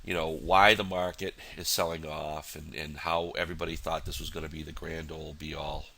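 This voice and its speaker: Low-voiced man with a stuffy nose. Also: level tone, moderate pace, creaky, pushed and bright, slight background noise. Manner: rambling, many fillers and restarts. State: has a cold, nasal voice. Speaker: futures trader. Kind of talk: casual market analysis walkthrough.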